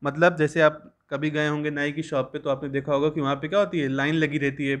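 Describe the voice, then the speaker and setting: A man's voice: a little high, level tone. Man teaching. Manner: reads English lines slowly, then explains at length with frequent "ठीक". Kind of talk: school lesson explaining an English story in Hindi.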